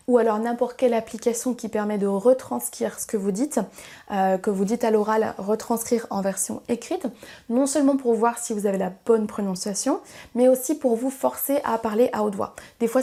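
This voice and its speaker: Woman teacher talking to camera, kinda high voice but soft and warm, encouraging, a few ums. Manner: friendly, encouraging, explanatory with some fillers. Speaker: English teacher. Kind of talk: casual lesson to camera.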